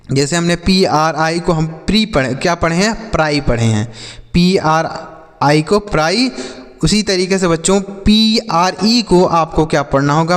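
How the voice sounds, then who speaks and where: A man's voice: on the high side, big-room sound. A man teaching English phonics in a classroom style, spelling words out letter by letter and asking repeated call-and-response questions.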